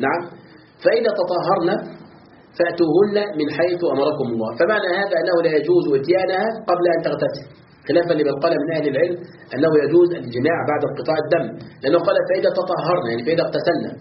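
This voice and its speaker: A man teaching scripture commentary at a rapid clip, reciting verses, then drilling words by repeating them. He poses questions to his students and answers them himself. The recording is dull and roomy, with a faint hiss. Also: fairly high pitch. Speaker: sheikh teaching Quran commentary. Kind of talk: classroom lesson explaining a text.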